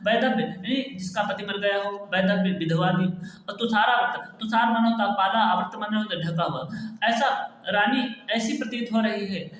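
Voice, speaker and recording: High-voiced man teaching in an echoey room. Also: normal speed, a bit bright. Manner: glosses word meanings patiently, repeating phrases. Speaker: Hindi literature teacher. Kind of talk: explaining a poem line by line.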